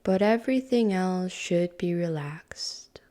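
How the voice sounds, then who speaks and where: A woman guides a meditation at a calm, unhurried pace, her lowish voice soft and breathy. She drifts into near-whispers and leaves long pauses between phrases.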